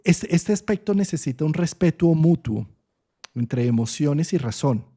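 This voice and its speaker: A man, an astrologer, explaining ideas in a relaxed conversation, often checking in with a quick "right?" and thinking aloud with pauses. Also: a little high. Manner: frequent "¿sí?" checks, thoughtful and expressive. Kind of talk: conversational explanation in an online talk.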